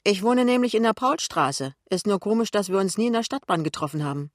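A man's voice: high voice, expressive, fairly quick, dry recording, studio quality, voice pushed up. A man voicing a spiteful male shop clerk who mocks and provokes a colleague. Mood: needling. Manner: mocking, provoking.

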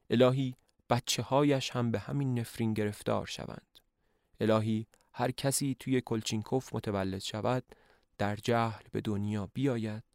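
A man voicing a bitter, grieving old father who lays a solemn curse, speaking slowly and low. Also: creaky, darkish tone, dry recording, clean studio sound, lightly acted.

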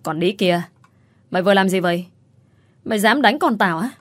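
Storybook role: hot-headed mother, loud and blunt, put on by a woman narrator. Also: medium pitch, expressive, brisk, no room sound, close to an everyday voice. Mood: furious. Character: hot-tempered village mother, fiercely protective.

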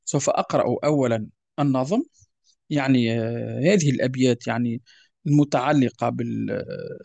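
A man's voice: medium pitch, a little fast, gravelly, warm tone, dry recording. A man teaching a tajwid lesson, explaining patiently, repeating examples and checking that students follow. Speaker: Quran recitation teacher. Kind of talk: explanatory lesson with verse recitation.

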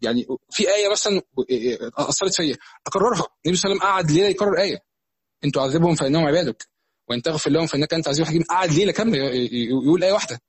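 A man with an Egyptian Arabic accent giving a religious lesson, talking in a fast, conversational way with many restarts and repeated words. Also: a little high, animated, slightly rough, dry recording. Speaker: preacher.

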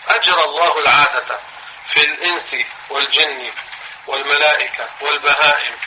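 A man with a Levantine Arabic accent teaching a religious lesson, explaining slowly, repeating phrases and dictating notes to his class. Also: a little high. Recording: dull lo-fi recording, faint hiss.

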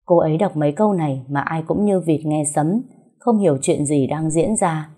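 Low, mellow woman narrating a story. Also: normal speed, breathy edge.

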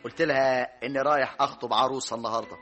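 An actor playing a blunt, joking bachelor brother on a bride visit, in a radio comedy. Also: male voice, medium pitch, steady tone, fairly bright tone, muffled recording, soft background music, lightly acted. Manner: quick, joking and grumbling. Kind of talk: Egyptian radio comedy drama acting.

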